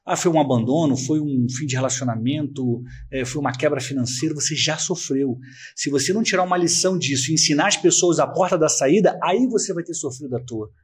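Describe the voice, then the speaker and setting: A man hosting a podcast, calmly sharing life advice and offering brief affirmations. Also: on the high side, brisk, husky. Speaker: podcast host. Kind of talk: reflective conversational talk.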